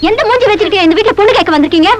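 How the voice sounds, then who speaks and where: An actress playing a bold, sharp-tongued young village woman who scolds and retorts quickly, in a film scene. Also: very high voice, lively intonation, loud music behind the voice. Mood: defiant. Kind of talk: Tamil film acting. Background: loud film score.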